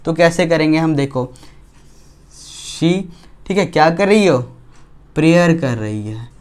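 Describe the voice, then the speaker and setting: A man teaching English grammar in an online lesson, speaking slowly and deliberately, asking questions and answering them himself. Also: a little high, a little mellow. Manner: slow, deliberate, asks and answers his own questions; spells out English example sentences word by word.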